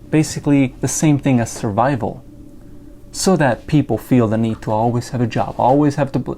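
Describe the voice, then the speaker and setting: A man ranting to camera in an opinion video, swearing often and emphatic, with sarcastic loud outbursts and muttered asides. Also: mid-range voice, vocal fry, slight background noise. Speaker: video essayist.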